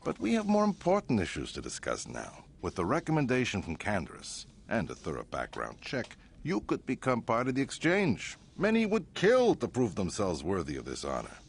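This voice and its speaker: A smug crime boss, with a very deep voice that swoops widely as he boasts and threatens. His grand, drawn-out delivery sits over faint game ambience. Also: huge pitch swings, gravelly, a little hiss or hum, exaggerated voice. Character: smooth, self-satisfied male crime boss.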